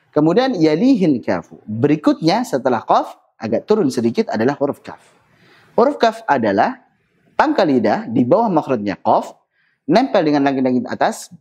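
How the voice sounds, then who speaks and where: Guy teaching letter sounds, husky voice, pitch bouncing up and down a lot, sounds out each letter slowly. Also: darkish tone. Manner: explains slowly, models Arabic letter sounds, checks understanding. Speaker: Quran recitation teacher. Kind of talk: online tajwid lesson.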